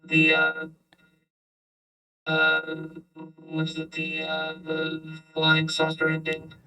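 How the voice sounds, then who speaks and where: A man, a family member chiming in from off-mic while gaming, rambling and halting with many fillers. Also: fairly high pitch, completely flat delivery. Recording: distant from mic, loud synth music behind.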